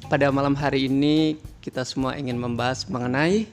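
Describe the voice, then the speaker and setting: A man's voice: medium pitch, steady tone, a little fast, music in the background. A man from Central Java hosting a casual podcast chat, joking and asking questions with lots of fillers. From Central Java, Indonesia. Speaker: podcast host.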